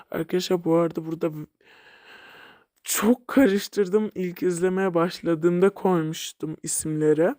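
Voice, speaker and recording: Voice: mid-range voice, darkish tone, dry recording, clean studio sound. A game vlogger giving casual gameplay commentary, chatty and talking back at the game, sometimes dropping to a mutter.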